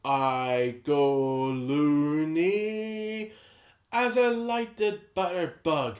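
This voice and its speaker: Speaking very slowly in a higher-pitched voice, a man hosts a casual video chat ranking films. He rambles, voices strong opinions, and frequently restarts. The room sounds echoey.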